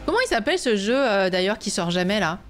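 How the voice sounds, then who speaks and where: Live-stream host: woman, informal and exclamatory, very animated mid-pitched voice. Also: fast, soft background music. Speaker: streamer reacting live to a game showcase. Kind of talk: casual live-stream chat and reactions.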